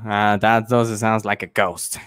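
A young man chatting casually on a livestream, relaxed and amused. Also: lowish voice, a little slow, clear, resonant tone, no echo. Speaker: livestream host.

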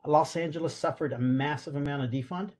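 This middle-aged man from Guatemala, a native Spanish speaker, is a panelist and president of a school police association. He speaks earnestly in an online panel discussion from a home or office room, his voice a little high, a little mellow and fairly quick. His speech is full of fillers and restarts, captured by a video call webcam.

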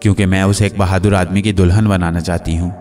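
A man's voice: sits low, level tone, quick pace, a little mellow, lightly acted. A man voicing a haughty, scolding witch who guards her daughter's marriage. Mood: scornful. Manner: imperious, scolding. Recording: distant mic with faint music.

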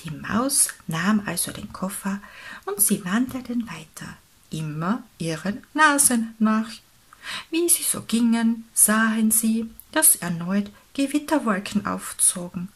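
A woman reading a picture book aloud for young children, softly and slowly, often close to a whisper. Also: a little high, lively intonation, husky. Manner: soft, slow, near-whispered reading. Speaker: storybook reader.

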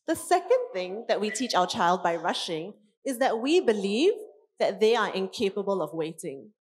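A woman, a parenting coach giving a lively conference talk in which she acts out parents' voices. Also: mid-range voice, moderate pace, husky.

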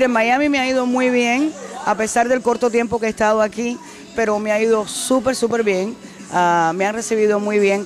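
A middle-aged Cuban woman, a singer with a fairly high voice, answers interview questions casually into a handheld mic inside a decorated restaurant. She is animated and repeats phrases for emphasis, while faint music plays in the background.

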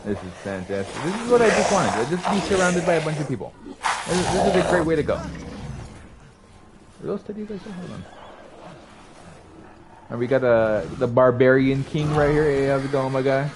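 A man's voice: fairly high pitch, animated, normal speed, long pauses, noisy background. A young man streaming a horror game, reacting with panicked, swearing outbursts and running commentary. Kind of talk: live gameplay commentary.

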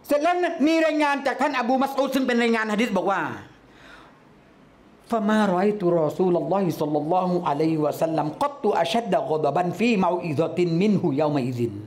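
A man teaching a religious lecture to a congregation, lively, calling out chanted phrases loudly. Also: high-pitched, a little fast. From Thailand.

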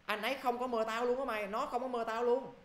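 A man's voice: fairly even intonation, fast, a bit bright, roomy sound. A teacher playing a snubbed, indignant young man. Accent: Southern Vietnamese. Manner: exclamatory, higher than usual. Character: indignant young man left off a party list.

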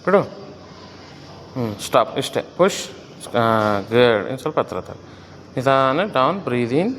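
A man's voice: mid-range voice, expressive, takes it slowly, a bit bright, slight background noise. Man counting reps in an echoey gym. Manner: short commands and rep counts. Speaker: fitness coach training his wife. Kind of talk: gym coaching. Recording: echoey gym hall with faint music.

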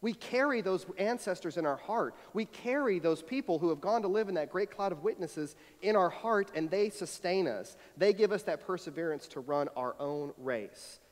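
With a high, expressive voice and barely any pauses, an American pastor in his thirties moves at a moderate pace through a personal sermon. He tells stories reflectively, and the sound carries the long reverb of the church sanctuary.

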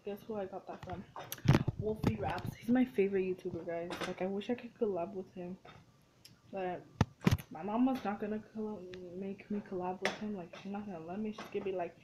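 A young woman from a Mexican family chatting casually while cooking, full of "like" and "dude" and quick to say "ew". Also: mid-range voice, fairly even intonation, heavy background noise. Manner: chatty and easily grossed out, lots of "like" and "dude". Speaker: vlogger. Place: dim home kitchen.

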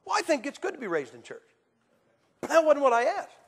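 A man preaching a sermon, telling stories with acted quotes and swinging from loud to hushed. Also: very high voice, huge pitch swings, a little fast. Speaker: evangelist preacher. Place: church. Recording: hall reverb.

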